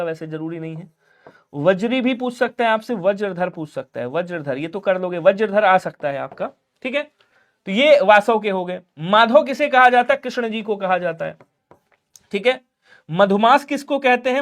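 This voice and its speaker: Young guy tutor, really high voice, brisk and chatty, keeps drilling the answers. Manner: brisk, repetitive drilling, chatty asides to students. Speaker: online exam tutor. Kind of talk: live online grammar class.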